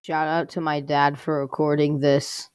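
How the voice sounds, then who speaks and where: A woman hosts a casual language review show, rambling through her thoughts and leaning on "like" as filler. Her voice sits a little low. The sound is dry and close, with no room echo. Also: flat delivery, a little slow, darkish tone, smooth. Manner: rambling, heavy use of filler "like". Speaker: host.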